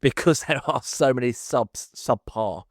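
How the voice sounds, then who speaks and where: A man's voice: mid-range voice, unhurried, no echo, clean studio sound. A man hosting a casual quiz chat, who says th as f and often restarts his words. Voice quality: th-fronting, says th as f. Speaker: host of a film ranking quiz podcast.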